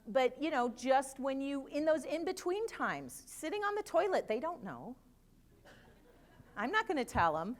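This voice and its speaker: Conference speaker, middle-aged woman, higher voice, lively presenter with quick jokes. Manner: lively, chatty, joking asides. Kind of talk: live presentation to an audience.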